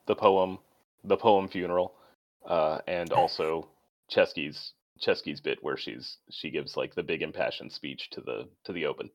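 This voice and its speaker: A man's voice: extremely low pitch, moderate pace. A man hosting a casual book podcast who leads the talk with prepared questions in a dry, matter-of-fact way. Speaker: podcast host asking questions. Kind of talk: casual chat. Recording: dull, lo-fi sound.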